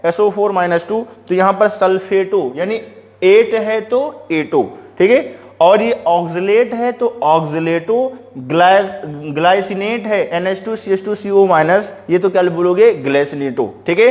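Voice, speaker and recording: Male chemistry teacher, high voice, patient step-by-step lecture with rhetorical questions, recorded in a reverberant room. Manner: explains step by step, keeps asking rhetorical questions and calling students "beta". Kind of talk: classroom lecture.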